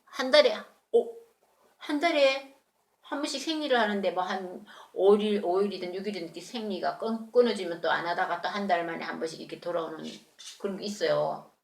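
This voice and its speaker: A woman telling a Bible story to children in church, animated and often asking them questions. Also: medium pitch, brisk, gravelly, reverberant. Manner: animated, asks children questions, acts out voices. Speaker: children's Sunday school teacher.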